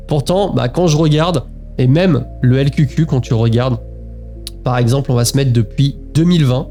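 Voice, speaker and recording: A man with a mellow, warm voice talks in a relaxed, chatty way straight to the viewer. He hesitates often while walking through charts on screen. Soft music plays faintly underneath. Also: medium pitch, normal speed. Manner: chatty, speaks directly to the viewer, frequent hesitations. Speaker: investing vlogger. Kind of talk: casual talk to camera while screen-sharing charts.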